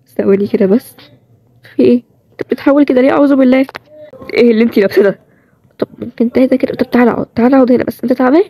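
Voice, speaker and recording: A woman's voice: a little high, racing, pauses often, warm tone, no room sound. Woman voicing tired Egyptian hero Fahd. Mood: weary. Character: young man hero, tired and stubborn. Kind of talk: storybook role-play series.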